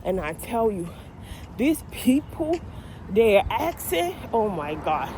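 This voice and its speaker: This vlogger, a Nigerian medical assistant with a heavy accent, speaks slowly in a medium-pitched voice while strolling outdoors on a residential street, talking into her phone. She's lively and blunt, cursing without hesitation. Traffic and street ambience fill the background.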